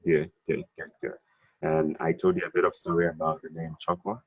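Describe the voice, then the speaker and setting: A man's voice: a bass voice, flat delivery, brisk, slightly rough, muffled recording. A man hosting his first online interview over a video call, friendly and encouraging. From Africa. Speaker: interview host.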